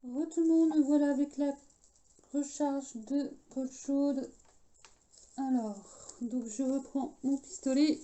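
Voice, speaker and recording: Brief: woman DIY host with a slight English accent, unhurried, very soft and warm tone, chatty with frequent pauses and fillers. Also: sits high, steady tone, rough recording. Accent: English-tinged French. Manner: chatty, hesitant with many fillers. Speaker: craft tutorial host. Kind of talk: casual DIY tutorial.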